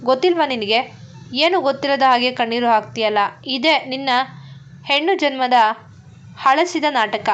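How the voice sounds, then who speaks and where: A woman voicing a cruel, furious young rich man who shouts scornful threats. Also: high-pitched, moderate pace, long pauses, highs cut off.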